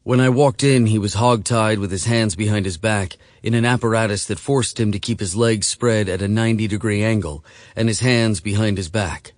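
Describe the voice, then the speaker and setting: A man narrating an audiobook in a measured, steady reading voice. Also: on the low side, no room sound, studio quality. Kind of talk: scripted narration.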